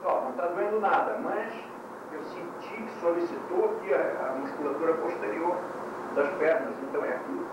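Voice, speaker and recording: Male yoga teacher, lecture style with light humor, off an old VHS tape: a boomy room, the mic far off, tape hiss underneath. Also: very echoey. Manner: explains with quick bodily demonstrations and light humor. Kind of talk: classroom lecture.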